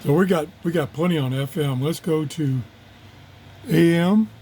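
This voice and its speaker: In a home office, a male radio reviewer mutters to himself while giving a casual, unscripted hands-on product demo. His voice is on the high side, unhurried and dark-toned, and the recording carries clear radio static and tuning noise in the background.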